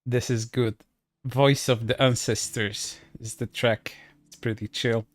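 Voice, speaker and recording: A man's voice: medium pitch, steady tone, measured pace, no echo. A man chatting casually on a livestream, speaking bluntly and crudely in a scornful way into a headset mic.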